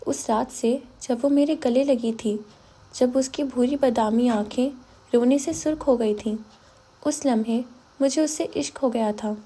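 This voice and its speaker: A calm, soft-spoken young man, gentle and quietly in love, as a woman reading a novel aloud puts him on. The voice sits high, with a mellow, warm tone. He speaks in an even, unhurried way. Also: husky, full character voice. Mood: calm, tender.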